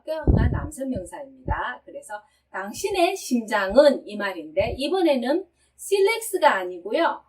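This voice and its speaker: A woman's voice: fairly high pitch, darkish tone, recorded from a distance, rough recording. Patient woman teaching French lyrics. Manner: patient, explains step by step, reads French slowly. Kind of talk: song lyric pronunciation lesson.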